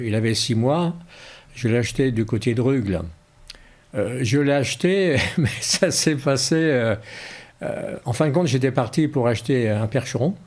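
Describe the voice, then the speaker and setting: This horse-drawn carriage driver, being interviewed casually, has a mid-range and slightly mellow voice. He repeats words as he hunts for the right phrasing.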